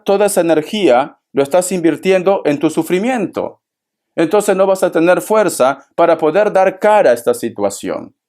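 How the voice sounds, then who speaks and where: A man reading tarot for his viewers, coaxing and affectionate, with emphatic swings in his voice. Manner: affectionate, coaxing, calls listener cariño; lively pitch swings, emphatic. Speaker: tarot reader.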